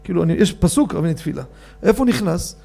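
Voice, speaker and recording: Gravelly high-voiced rabbi teaching. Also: male voice. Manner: animated, asks listeners questions and reads quoted rulings aloud. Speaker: rabbi teaching a Torah class. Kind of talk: informal Torah lesson.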